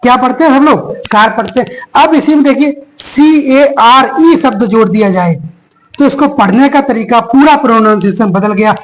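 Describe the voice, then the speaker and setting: Teacher drilling phonics, question then answer. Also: rough recording. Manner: asks each question, then answers it in a lower voice; slow, repetitive drilling, spells out letters one by one. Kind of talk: phonics lesson for young children.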